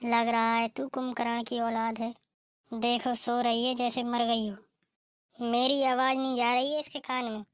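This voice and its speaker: Woman playing a scolding cartoon mother-in-law, middle-aged, high-pitched, monotone. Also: unhurried, clean tone, no room sound, studio quality, natural voice. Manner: nagging, scolding. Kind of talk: cartoon voice acting.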